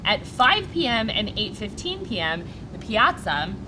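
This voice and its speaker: A woman's voice: medium pitch, very animated, unhurried, noisy background. A woman hosting a morning lifestyle show aboard a cruise ship, bubbly and enthusiastic as she runs through the day's events. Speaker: show host. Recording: music playing underneath.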